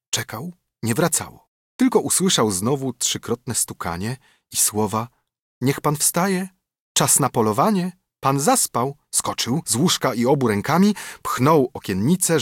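A man narrates an epic poem in a slow, rhythmic recitation, keeping the rhyme and metre steady. His voice sits on the low side and carries a husky grain. The sound is dry and close, with no room around it. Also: no echo. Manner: measured, rhythmic poetry recitation. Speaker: audiobook narrator. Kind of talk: reading epic verse aloud.

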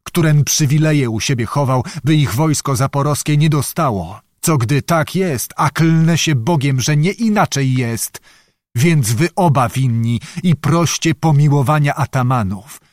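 Male reader doing a stern Cossack hetman, weighty and deliberate, storybook. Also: on the high side, no echo, studio quality, natural voice. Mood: grave, accusing. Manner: slow, grave and accusing. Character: stern aged Cossack hetman passing judgment.

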